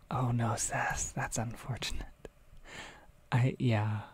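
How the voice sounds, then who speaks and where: Speaking close to the mic, a man hosts a relaxed ASMR livestream, reading chat in a soft voice that drifts into half-whispers. His medium-pitched voice has a breathy edge and a slightly stuffy nose, and he halts often with fillers.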